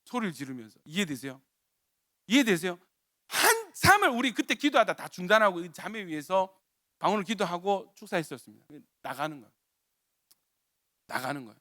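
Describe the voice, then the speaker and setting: A man preaching a sermon as pastor, telling stories in an animated way with repeated exclamations. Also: sits high, no room sound, clean studio sound.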